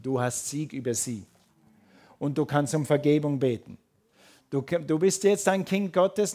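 A man preaching to a congregation, his voice sitting on the higher side for a man. He hammers his points through repeated phrases and asks rhetorical questions in an emphatic, rising cadence. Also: dark tone. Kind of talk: sermon.

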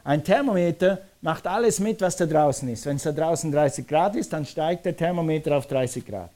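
Man, pastor, sermon, animated, slightly high voice, mellow tone. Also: fairly quick. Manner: animated preaching, acts out scenes.

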